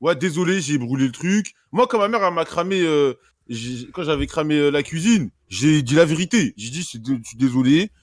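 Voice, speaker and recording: A man with a high, very lively voice speaking as a guest on a stream. He speaks haltingly with many restarts, and the sound is close and dry. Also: no room sound. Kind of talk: casual stream chat.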